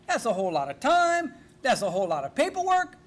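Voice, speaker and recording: A man's voice: extremely high pitch, huge pitch swings, fast talker, pitched above the performer's own voice, full character voice. A man with a Cajun accent playing a fussy, exasperated courthouse clerk. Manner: bureaucratic, exasperated.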